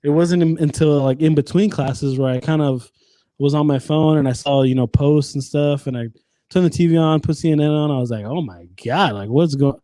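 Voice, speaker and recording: Rambling young man, slightly high voice. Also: fairly even intonation, fairly quick, mellow, no room sound. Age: 20s. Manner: rambling, restarts often, swears freely. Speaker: podcast guest. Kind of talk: casual podcast chat.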